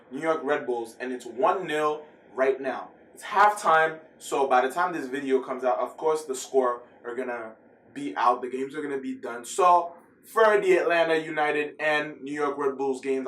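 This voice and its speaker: A man's voice: medium pitch, fairly bright tone, roomy sound, far from the mic. A man talking through football news in a casual, rambling vlog, often correcting himself as he goes. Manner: chatty, rambling, self-correcting. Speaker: football vlogger. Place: filmed at home in the US.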